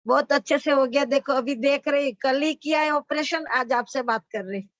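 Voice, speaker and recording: Female class participant, high voice, grateful, dry lo-fi line. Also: moderate pace, fairly bright tone, no room sound. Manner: thankful, repeats her thanks. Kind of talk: grateful sharing.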